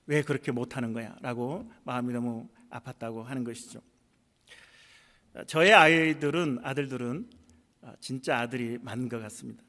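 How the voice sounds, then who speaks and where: A man's voice: medium pitch, moderate pace, bright, forceful tone, long reverb tail. A middle-aged Korean man preaching a sermon as pastor, telling stories and acting out quoted dialogue with rising intensity. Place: church sanctuary.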